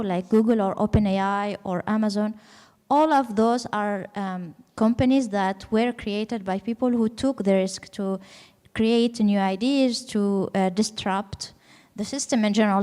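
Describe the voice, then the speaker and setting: A woman's voice: mid-range voice, a little mellow. A woman speaking on a panel in an emphatic, persuasive way, urging action. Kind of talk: panel discussion. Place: expo hall panel. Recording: reverberant hall.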